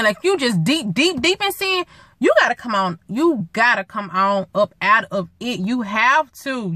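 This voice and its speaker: Recorded on a phone at arm's length, this preaching vlog features a young woman ministry vlogger exhorting earnestly from her parked car. She repeats her points and phrases for emphasis and quotes scripture, in a fairly high, bright, forceful voice with no room sound.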